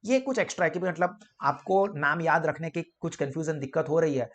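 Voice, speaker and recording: A young man giving a casual, animated classroom lecture and acting out little dialogues between people. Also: a little high, brisk. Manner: animated, mixes Hindi, Gujarati and English, acts out little dialogues. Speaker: commerce lecturer.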